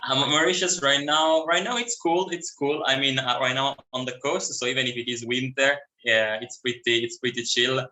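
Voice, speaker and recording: A man's voice: medium pitch, fairly even intonation, moderate pace, few pauses, bright, forceful tone. Italian-accented young man in an echoey room. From Italy. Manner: hesitant, many fillers and restarts. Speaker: guest, university student. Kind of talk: casual interview talk.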